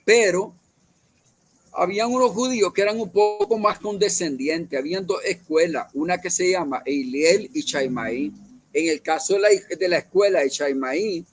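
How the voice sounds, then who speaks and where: A man's voice: high-pitched, normal speed, soft background music. A man leading a Bible study, explaining at length, with many fillers and self-corrections. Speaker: church leader.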